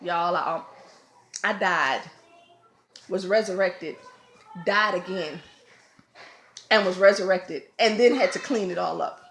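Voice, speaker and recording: A woman, a mother and vlogger, telling a casual storytime at home with loud, animated acted-out quotes and screams. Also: fairly low pitch, slow, pauses often, roomy sound, slight background noise. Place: home, room with children around.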